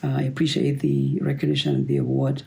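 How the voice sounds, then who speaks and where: Gravelly Cambodian-accented man, halting speech. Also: mid-range voice, monotone, mellow. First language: Khmer. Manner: halting, with many fillers. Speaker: award recipient. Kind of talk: acceptance speech.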